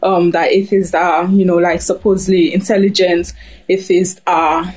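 A woman's voice: lowish voice, little pitch movement, moderate pace, a little mellow, slightly rough. A young woman who grew up in Germany, speaking hesitantly over a phone in a casual group discussion. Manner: hesitant, many fillers.

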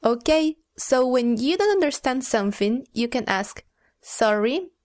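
A woman's voice: high voice, lively intonation, measured pace, a little mellow. A woman from Mexico, playing the student in a scripted English lesson and repeating phrases playfully. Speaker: co-host and student.

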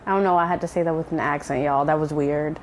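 A woman co-hosting a podcast in casual chat, relaxed and wry with playful asides. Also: low-pitched, fast talker, slight background noise. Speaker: podcast co-host.

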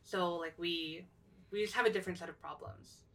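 A woman's voice: fairly low pitch, fairly even intonation, moderate pace, a bit bright, far from the mic. A young woman co-hosting a casual podcast, talking thoughtfully with lots of fillers and restarts. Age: young adult. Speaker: podcast co-host.

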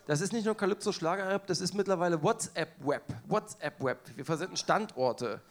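A man's voice: sits high, a little fast. A man co-hosting a casual podcast, roasting music videos with sarcastic banter and hyping up the crowd. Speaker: podcast co-host. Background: audience present.

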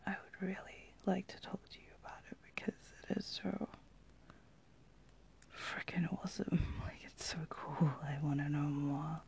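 A woman's voice: low voice, normal speed, vocal fry, a little mellow. A young woman, talking casually in a whispered ASMR voice, rambling with lots of fillers. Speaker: channel host.

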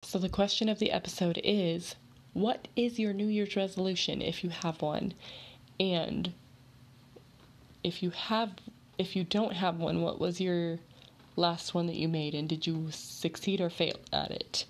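A woman hosting a casual solo storytelling podcast in an informal, rambling, slangy way, a little sick, with vocal fry in her voice. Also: lowish voice, steady tone, measured pace, slight background noise. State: slightly sick. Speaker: podcast host.

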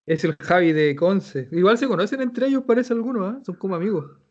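A man with a Chilean accent, teaching Japanese and giving relaxed, joking feedback in an online class. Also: high-pitched, fairly quick, dull audio. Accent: Chilean Spanish.

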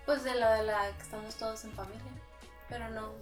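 A woman in casual chat, easygoing and quick to laugh. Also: a little high, steady tone, recorded from a distance. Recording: echoey room, off mic, music behind.

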